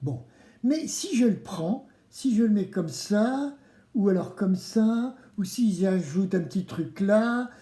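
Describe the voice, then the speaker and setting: The presenter of a children's DIY video series speaks French straight to the kids during a craft tutorial, playful, theatrical and exclamatory, asking them to answer back. The voice is warm and medium-pitched, with lively intonation and a slow pace. The indoor recording sounds roomy and echoing.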